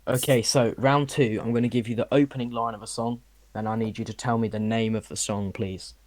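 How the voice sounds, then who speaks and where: A man's voice: mid-range voice, fairly even intonation, no room sound. Man hosting a casual quiz. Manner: reads lyrics out slowly and evenly. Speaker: podcast host running a song quiz.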